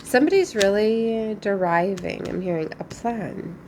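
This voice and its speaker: A woman giving a casual, chatty spiritual tarot reading, musing aloud with thoughtful pauses. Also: mid-range voice, animated, background noise. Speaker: tarot reader.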